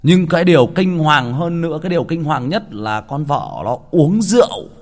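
A man's voice: fairly high pitch, animated, normal speed. A man telling a story in a casual, chatty first-person way, stumbling over and repeating words as he talks straight to his listeners. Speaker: storyteller host.

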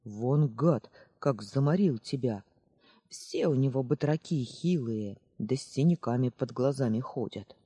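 A gruff, blunt village man, as an audiobook reader puts him on, talking plainly and a bit louder. The voice stays mellow and husky, close to the reader's own. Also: medium pitch, animated, unhurried, no room sound. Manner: blunt, spits out words.

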